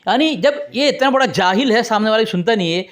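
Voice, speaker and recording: A man's voice: high voice, lively intonation, fairly quick. A man in a heated religious debate, combative and accusing, who keeps turning to address his listeners.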